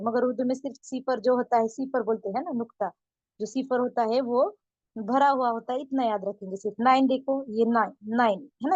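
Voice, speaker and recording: Female teacher, higher voice, patient repeating style, dull dry lo-fi recording. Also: warm tone, no room sound. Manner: slow drawn-out counting. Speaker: Urdu teacher. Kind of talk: online beginner lesson.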